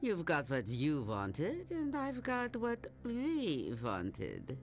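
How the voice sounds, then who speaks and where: A woman's voice: lowish voice, huge pitch swings, heavily acted. An actress playing a gleeful, menacing old witch in a fantasy game, drawing out her words with mock sweetness. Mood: grudging, smug. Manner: theatrical, drawn-out, mock-sweet cackling delivery. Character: gleeful menacing old witch Baba Yaga, man-eating. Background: game music.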